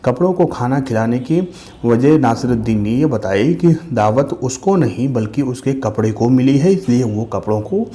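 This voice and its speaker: A man teaching children a school lesson, reading the story aloud and then explaining word meanings slowly and patiently, often checking in with "theek hai". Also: mid-range voice, animated, mellow. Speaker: Urdu teacher.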